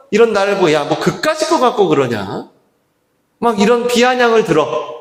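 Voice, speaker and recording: A man delivers a sermon from the pulpit, his fairly high voice leaping up and down as he speaks straight to the congregation. The sound carries the roomy echo of a church hall. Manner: animated preaching, addresses the congregation directly. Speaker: pastor.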